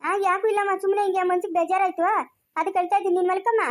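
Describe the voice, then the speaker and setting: A woman's voice: very high-pitched, level tone, racing. A woman playing a stern older mother-in-law in a homemade comedy skit, scolding with repeated questions. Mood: coaxing.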